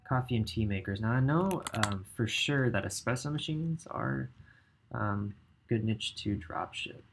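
A man's voice: on the low side, lively intonation, measured pace, noisy background. A man in his thirties giving a casual screen-share tutorial at a home desk, thinking aloud with frequent ums as he browses. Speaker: ecommerce coach. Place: indoor home office.

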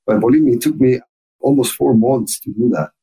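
A man's voice: mid-range voice, a little fast, mellow, slightly rough, rough recording. A man from Ecuador with a thick Ecuadorian Spanish accent, a native Spanish speaker, talking earnestly as a podcast guest, often repeating words as he restarts. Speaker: guest, chamber of commerce officer. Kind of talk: podcast interview.

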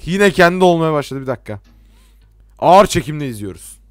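A teenage man from Turkey giving casual, joking gameplay commentary, talking to game characters and swinging from quiet mutters to sudden shouts. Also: on the high side, lively intonation, a little fast, no room sound. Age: late teens. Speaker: gaming YouTuber.

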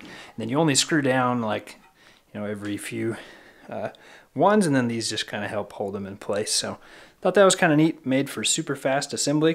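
A man in his thirties casually walking viewers through a bedroom project, relaxed and chatty with many fillers, filmed on a handheld camera in a small carpeted room. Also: medium pitch. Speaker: home renovation vlogger. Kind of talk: casual walkthrough talking to camera. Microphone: handheld camera at arm's length.

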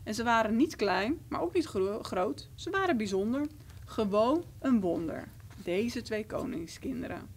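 A woman reading a children's fairy tale aloud in a rhythmic, expressive storybook style. Her voice sits a little high and moves a lot, rising and falling with every step of the story. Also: measured pace, a little hiss or hum.

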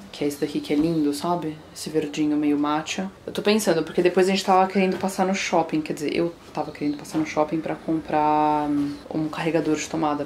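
There's a faint hiss or hum under this vlogger's fairly low, darkish voice. She's a mid-twenties woman with a São Paulo Brazilian accent, chatting informally to camera indoors in small rooms at home, full of slang and self-deprecating humor.

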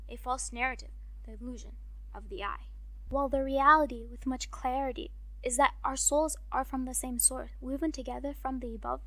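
A woman performing a spoken word poem in a rhythmic, rhyming delivery, dropping at times to a soft whisper. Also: sits high, no echo, poor audio.

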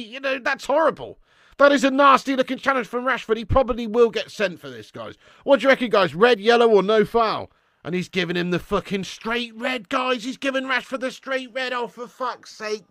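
A man hosting a football watchalong, ranting and swearing heavily with sudden shouts. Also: very high voice, gravelly, no room sound, studio quality. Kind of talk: live match reaction rant.

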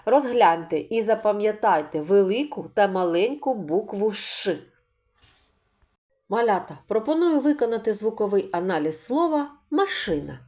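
A woman's voice: mid-range voice, sing-song, dark tone. A woman teaching a literacy video lesson for preschool children, patiently sounding out words and asking the kids questions. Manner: patient, slow and singsong, stretching out sounds for children.

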